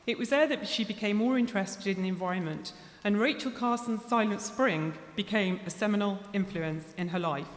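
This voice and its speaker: A woman giving a formal, scripted podium speech as an orator at a graduation ceremony. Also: mid-range voice. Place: large ceremony hall, amplified podium. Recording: echoey hall with long reverb.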